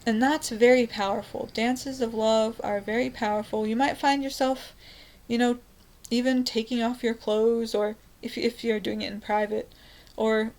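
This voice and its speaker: A woman's voice: on the high side, darkish tone, rough recording. A woman giving a rambling, fervent evangelizing monologue as a self-styled prophet, with frequent restarts and "you know" fillers.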